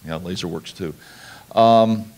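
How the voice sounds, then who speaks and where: Low-pitched Southwestern man presenting informally. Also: slow, darkish tone. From New Mexico, United States. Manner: informal, folksy, explanatory. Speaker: conference speaker, national laboratory researcher. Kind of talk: conference presentation.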